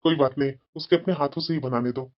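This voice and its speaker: A woman's voice: very deep voice, fast talker. Woman doing a fretful older father-in-law. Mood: instructing. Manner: pleading, fretful. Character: caring older father-in-law, anxious and gentle. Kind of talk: cartoon voice acting. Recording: dull lo-fi recording.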